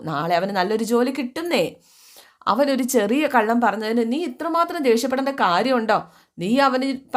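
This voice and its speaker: A woman voicing a worried older mother who gently scolds and counsels her grown daughter. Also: a little high, lightly acted.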